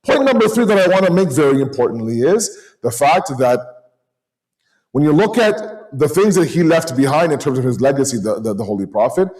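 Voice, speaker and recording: Higher-voiced man giving a sermon. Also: lively intonation, fairly quick, a little mellow, poor audio. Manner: conversational, storytelling, code-switches into Urdu and Arabic terms.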